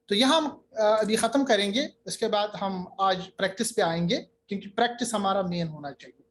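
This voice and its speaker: This male teacher leads a recitation lesson, patiently walking through each rule in steps and offering slow, chanted examples. His voice is high-pitched, and there's a bit of hiss or hum.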